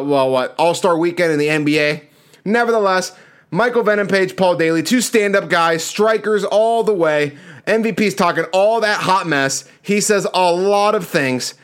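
Higher-voiced man giving emphatic fight picks. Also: a bit bright. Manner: emphatic, slangy, conversational. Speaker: sports show host. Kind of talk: casual fight prediction commentary.

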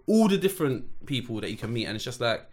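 A young man with a London roadman accent, chatting casually at a middling pitch. He tells his stories in an animated way, thick with street slang. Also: fast talker. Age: young adult. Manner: animated storytelling, peppered with slang and "bro". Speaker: chef, guest telling life story.

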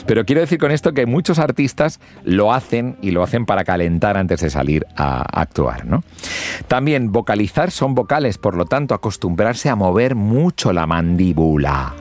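Middle-aged male host, low register, very expressive delivery, coaching tone. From Spain. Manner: lively, demonstrates pronunciation with exaggerated examples. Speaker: podcast host and public speaking mentor. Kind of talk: instructional podcast talk.

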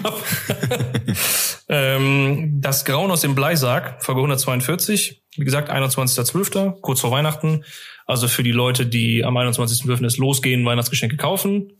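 This podcast host is a man with a medium-pitched, fairly bright voice who chats casually about the show's fandom. His colloquial sentences ramble and are sprinkled with tag questions.

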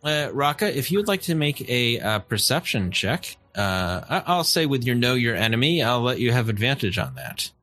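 A man running a tabletop game as game master, halting with many fillers and laughing often. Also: medium pitch, sing-song, a bit bright, no echo.

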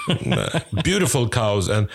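A man with a Norwegian accent, English not his first language, chatting casually as a podcast co-host and often pausing to search for words. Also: lowish voice, very animated, creaky. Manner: hesitant, searching for English words, many fillers. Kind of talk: casual chat.

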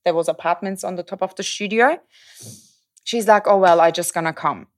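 A young woman from Germany, a German native speaker with a German accent, chatting casually as a podcast guest and telling a lively story, sometimes hunting for the right English word. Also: on the low side, fairly quick. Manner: lively, self-correcting, searches for English words.

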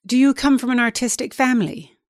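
Calm woman podcast host. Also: fairly high pitch, fairly quick, no echo, studio quality. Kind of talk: scripted introduction and interview questions.

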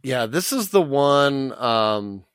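A man's voice: medium pitch, sing-song, slow pace, a bit bright, smooth, no room sound, studio quality. A man co-hosting a podcast in casual chat, eager and repeating himself with many fillers. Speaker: podcast co-host. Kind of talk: casual chat recapping a TV show.

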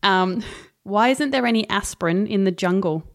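A woman's voice: mid-range voice, moderate pace. A woman hosting a podcast in a light, playful chat. She giggles easily and keeps things casual, with a mid-range voice. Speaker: podcast host.

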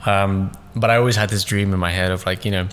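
Fast and fairly even in intonation, the slightly low, somewhat bright and smooth voice belongs to a young business owner on a podcast. Born in Russia and raised in southeast London, he's in his 20s and rambles casually with lots of fillers and "like"s.

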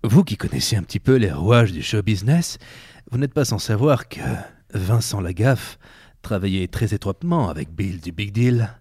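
A man improvising a deadpan, mock-serious police lieutenant in a comic sketch. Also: on the low side, moderate pace, breathy edge, no room sound, clean studio sound.

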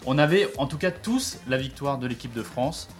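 A man hosts a casual sports podcast, introducing his guests with playful jokes and plenty of hesitations. His voice sits at a middle pitch, and faint music plays behind him. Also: lively intonation, normal speed. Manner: jokey, teasing introductions with frequent fillers. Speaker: podcast host.

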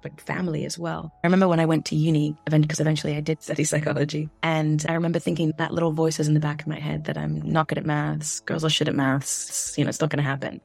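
A young adult woman answering podcast interview questions in a candid, chatty way with quick asides. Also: low voice, vocal fry, a little mellow, no room sound. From grew up in the Philippines, the States and Tunisia. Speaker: guest, diversity and inclusion consultant.

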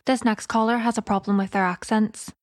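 A woman from Northern Ireland, producing and bantering on a comedy podcast, brisk and matter-of-fact. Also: medium pitch, fairly even intonation.

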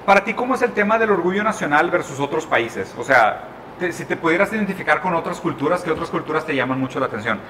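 Bright-voiced man thinking aloud. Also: on the high side, lively intonation, fast, a little hiss or hum. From Brazil. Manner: reflective, thinking aloud with restarts. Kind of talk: casual chat.

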